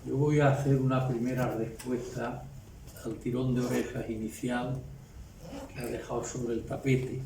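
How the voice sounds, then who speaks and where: A man gives a formal, courteous response speech at an academic ceremony, speaking in a measured way. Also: medium pitch, little pitch movement, gravelly, a little mellow. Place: hotel hall. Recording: roomy hall audio from a distance with faint noise.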